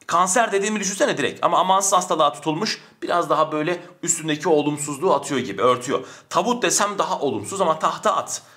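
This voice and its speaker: A man's voice: fairly high pitch, pushed and bright. A man teaching an exam-prep language lesson, joking and chatting with his students as friends.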